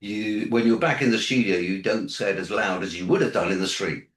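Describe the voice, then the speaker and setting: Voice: sits low, a little fast, roomy sound. An interviewer chatting casually and backing up the guest with short agreeing remarks. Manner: supportive, brief agreeing replies.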